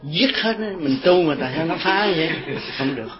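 Older male teacher, folksy and rambling, fairly high voice, lo-fi recording with listeners around. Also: animated, brisk. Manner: rambling, folksy, chuckling storyteller. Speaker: Buddhist teacher. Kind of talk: informal dharma talk with followers. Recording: dull lo-fi recording with crowd behind. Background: group of listeners.

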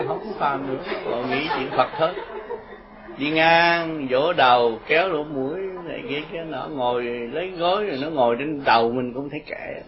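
An older Buddhist teacher giving a rambling, folksy talk to his followers, chuckling as he tells stories. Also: mid-range voice. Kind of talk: informal dharma talk with followers. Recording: dull lo-fi recording with crowd behind. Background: group of listeners.

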